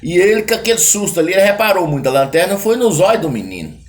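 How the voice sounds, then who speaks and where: A man's voice: high-pitched, very animated, fast. Male caipira storyteller, casual and rambling, colloquial folk-tale telling. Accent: Brazilian caipira.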